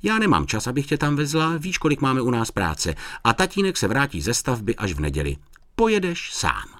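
A man voicing a patient but firm young mother in a storybook reading, speaking gently yet strictly. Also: mid-range voice, wildly swooping pitch, dry recording, pitched above the performer's own voice. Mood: serious. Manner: gentle, then stern.

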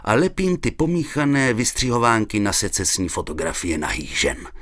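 A man's voice: fairly low pitch, fairly bright tone, no echo, clean studio sound, close to an everyday voice. A man voicing a big, eccentric surrealist poet who talks in a pompous, declaiming way.

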